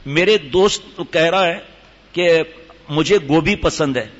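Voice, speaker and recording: A man's voice: a little high, a bit bright. An older man giving a sermon to a gathering, telling stories and demonstrating recitation. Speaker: religious teacher. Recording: dull hall reverb.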